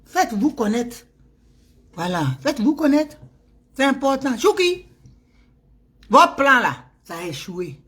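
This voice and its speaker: A woman's voice: high-pitched, sing-song, unhurried, long pauses, a bit bright. A middle-aged woman with an Ivorian French accent, ranting in a casual, teasing way and laughing often. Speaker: vlogger. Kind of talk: casual mocking rant.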